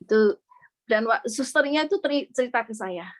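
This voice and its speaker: A woman's voice: a little high, animated, normal speed. A middle-aged woman from Indonesia earnestly sharing a personal faith testimony, slipping English words into her speech.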